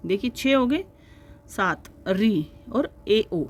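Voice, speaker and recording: With a mid-range, animated voice, a woman lectures exam students, working through the material step by step and often pausing to check in with her listeners.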